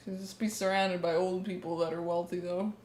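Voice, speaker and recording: A woman's voice: on the low side, little pitch movement, brisk, a little mellow. A nasal-voiced woman chats casually and jokes a lot. The sound is roomy, with faint noise underneath. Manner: casual, joking, laughs often. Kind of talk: casual chat on a livestream.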